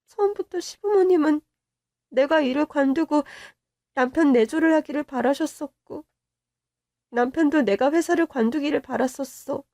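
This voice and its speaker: A young woman playing a newlywed daughter who quietly and resignedly tells her mother what she went through, in a Korean-style radio-drama story reading. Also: high-pitched, moderate pace, no room sound, clean studio sound. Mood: hurt, resigned. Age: young adult. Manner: quiet, resigned confessional telling. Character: young wife confiding to her mother, hurt and subdued.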